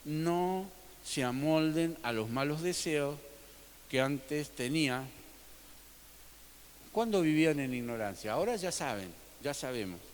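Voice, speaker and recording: Man, pastor, sermon, emphatic swells, slow delivery, church hall reverb. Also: a little high, expressive, slight background noise. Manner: emphatic preaching with sudden loud peaks and soft drops. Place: church sanctuary.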